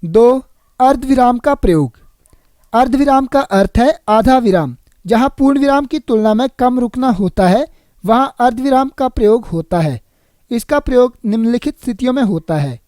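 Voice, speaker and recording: A woman reading a scripted grammar lesson in an even, measured way. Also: on the high side, no room sound, studio quality. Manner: even, measured read-aloud delivery. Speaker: Hindi grammar tutor.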